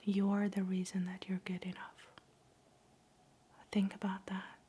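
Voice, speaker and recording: A woman giving a whispered ASMR pep talk in a soft, breathy whisper, soothing, gentle and encouraging. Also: mid-range voice, monotone, a little slow, slight background noise. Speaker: ASMR host.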